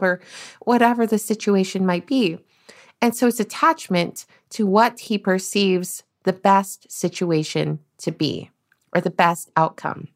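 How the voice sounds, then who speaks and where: A woman with a fairly low voice talks through her solo self-help podcast. She is earnest and casual, sometimes swears, and often doubles back on her words. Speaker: podcast host.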